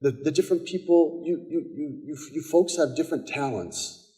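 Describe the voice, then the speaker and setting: In a church sanctuary, a man with an American accent preaches a conversational sermon, his voice a little high and dark in tone at a normal speed. He tells stories full of quoted dialogue and frequent repetitions, and a long hall reverb trails his words.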